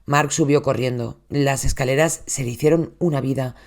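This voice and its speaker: A true crime host with a Spain Spanish accent giving a scripted narration, dropping the voice low on tense details. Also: steady tone, normal speed, a little mellow.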